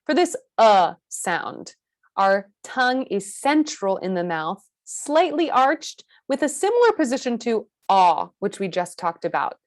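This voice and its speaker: Slow, careful American woman accent coach. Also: medium pitch, sing-song, no echo, studio quality. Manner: slow, careful teacher modeling sounds. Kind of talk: pronunciation lesson.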